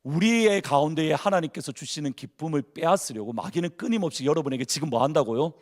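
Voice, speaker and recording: A man's voice: fairly high pitch, expressive, fast. A male pastor preaching a sermon in a church, asking the congregation questions and acting out people's inner worries. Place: church sanctuary.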